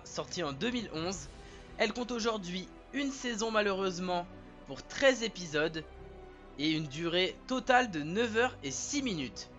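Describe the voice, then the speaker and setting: A man with a notably high voice chats casually to his audience while presenting a TV series. The recording is dull and lo-fi, with faint music playing underneath. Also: fairly bright tone. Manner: chatty, addresses viewers directly. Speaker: series review vlogger. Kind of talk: casual show review.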